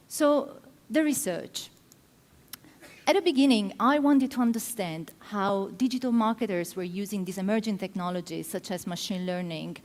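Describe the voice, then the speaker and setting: A middle-aged Italian woman with an Italian accent gives a conference talk, explaining her points with frequent ums. Her mid-range voice is a little mellow. She's in a large conference hall, and the recording carries long reverb.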